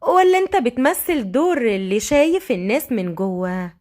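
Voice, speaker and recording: A woman voicing a defiant young tissue seller with an Egyptian accent, talking in a quick, sharp-tongued way. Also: on the high side, lively intonation, natural voice.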